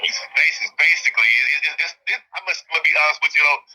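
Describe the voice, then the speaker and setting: Alabama-accented man, bright, forceful, raspy voice. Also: on the high side, fast, low-quality recording. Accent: Alabama Southern US. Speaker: prison inmate being interviewed. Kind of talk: candid interview answers over the phone.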